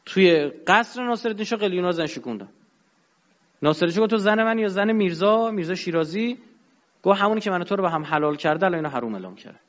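A man with a high voice lectures with force, swinging between loud peaks and low asides. The sound is dull and lo-fi, with a long hall reverb trailing behind him. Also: animated. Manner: emphatic, rising and dropping sharply. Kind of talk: religious-political lecture.

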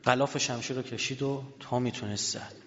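A male preacher gives an impassioned sermon that swings between loud, high outbursts and slow, hushed passages. His voice rings with a long reverb in a large hall. The recording sounds dull and lo-fi. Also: steady tone. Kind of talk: impassioned religious sermon, storytelling.

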